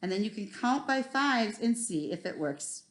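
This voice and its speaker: A woman's voice: medium pitch, expressive, moderate pace. A woman teaching a first grade lesson, talking simply and encouragingly to children like a kids show host. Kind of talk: instructional math video lesson for young children.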